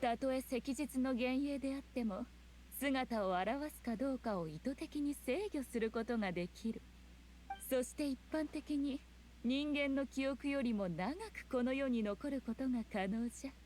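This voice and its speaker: A woman's voice: high voice, moderate pace, darkish tone, slight background noise, close to an everyday voice. An actress playing a regal, teasing female fox spirit in a video game, haughty and composed, with archaic noble phrasing. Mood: composed explaining.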